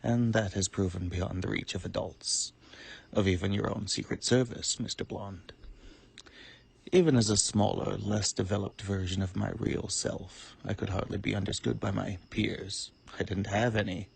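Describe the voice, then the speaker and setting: This is a man voicing a cold, calculating supervillain through a dramatic monologue, his gravelly, husky voice sitting on the low side and sounding exaggerated. He speaks with menacing calm and a formal, deliberate, self-important eloquence.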